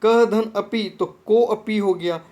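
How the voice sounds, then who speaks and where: A man's voice: high-pitched, fairly even intonation, slow, darkish tone. A man teaching an exam-prep grammar lesson, often repeating himself and checking whether the students have understood. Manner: repetitive, checks understanding with "theek hai friend".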